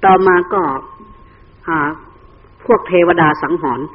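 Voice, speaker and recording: A man's voice: fairly high pitch, takes it slowly, husky. A man, a Buddhist monk telling a story in a sermon and acting out the figures. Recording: tinny phone-like recording.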